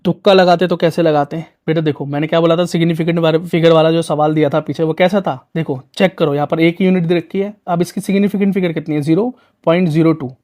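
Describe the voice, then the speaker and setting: Chatty physics teacher, slightly high. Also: male voice, fairly even intonation, fast, few pauses, darkish tone. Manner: chatty, coaxing, asks rhetorical questions. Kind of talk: exam-prep lesson.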